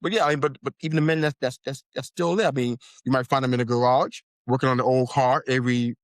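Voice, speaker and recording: A man with a middle-pitched voice speaks as a guest on a faith podcast. He is animated and slips into imagined voices, and the recording is dry and close. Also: fast, no room sound. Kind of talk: faith conversation.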